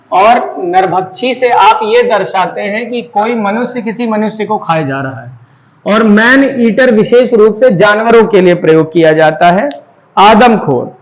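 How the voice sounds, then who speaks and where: High-voiced man drilling grammar lesson. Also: low-quality recording. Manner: repetitive drilling, asks students questions then answers. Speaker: English grammar teacher.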